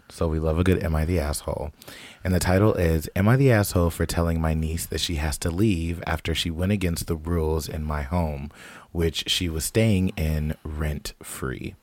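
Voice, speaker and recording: A man with a very deep voice co-hosts a casual podcast, bantering and laughing easily between stories. His voice sits close and dry, with no room around it. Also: moderate pace, darkish tone, dry recording. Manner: laid-back, laughing, drag-queen banter. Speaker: podcast co-host. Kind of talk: casual chat and reading stories aloud.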